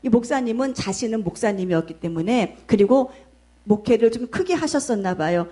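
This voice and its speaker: A middle-aged woman pastor delivers a sermon, building it around a vivid, emphatic story. Her voice sits a little high and she drives her points home with insistence. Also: expressive, fairly quick, warm tone.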